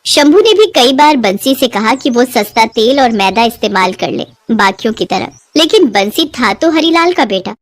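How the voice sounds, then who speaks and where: A woman narrating a scripted children's story. Her fairly high voice is clear and expressive, with steady storytelling. The recording is close and very dry. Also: normal speed, few pauses, no room sound.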